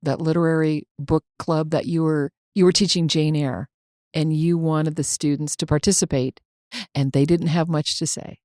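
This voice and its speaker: Woman, podcast co-host, encouraging, conversational, lower pitch, dry sound. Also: fairly even intonation, normal speed, a little mellow, no room sound. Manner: encouraging, prompts stories, laughs easily.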